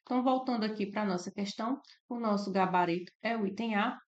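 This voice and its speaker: A woman with a Brazilian Portuguese accent talks through exam questions as a tutor. Her voice sits at a middle pitch, and her manner is casual and explanatory, with frequent checking tags. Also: fast, highs cut off. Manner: explanatory, adds "né?" and "ó" often. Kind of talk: casual screen-share lesson.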